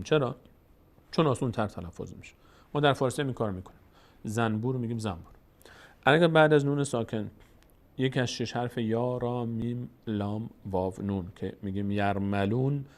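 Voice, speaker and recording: Man, Tajik accent, calm recitation teacher, middle voice, repeats and stretches sounds. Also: mid-range voice. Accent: Tajik-accented Persian. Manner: patient, repeats letters and drawn-out sounds for practice. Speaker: Quran reading teacher. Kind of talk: step-by-step recitation lesson.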